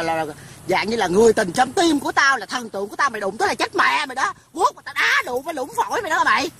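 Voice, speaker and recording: A woman's voice: sits high, bright, forceful tone. A woman delivering a profane, insulting rant to camera outdoors. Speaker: online personality. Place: outdoors by a rain-filled pit. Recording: outdoor traffic noise behind.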